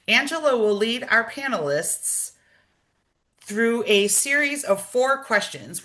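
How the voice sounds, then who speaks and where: A woman opening an online community session as its host, reading a scripted welcome in a measured, formal way over a video call. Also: mid-range voice, bright, forceful tone. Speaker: event organizer and host.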